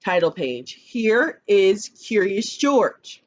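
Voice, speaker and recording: Slow, lively-voiced kindergarten teacher reading aloud. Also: female voice, highs cut off. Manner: slow, expressive read-aloud with lively pitch, chatty asides. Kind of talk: reading picture books aloud to children.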